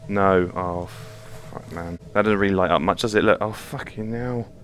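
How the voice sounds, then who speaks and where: At a moderate pace and with a low-sitting voice, a VR gameplay host narrates his horror game live from the floor of his home room. He's easily startled, swears frequently and gives nervous laughs, with slight background noise.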